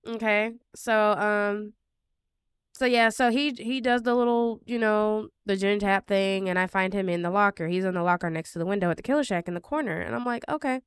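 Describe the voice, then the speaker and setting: A woman's voice: mid-range voice, moderate pace, clear, resonant tone, no room sound. A young woman retelling a game match in casual, chatty commentary, full of fillers and sarcastic asides. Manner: chatty storytelling with many fillers. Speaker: gaming vlogger.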